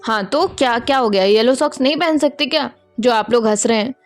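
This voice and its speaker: A woman's voice: a little high, fairly quick, dry recording, faint music behind, natural voice. A woman voicing a playful, cheeky young woman who teases her friends. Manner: teasing, joking.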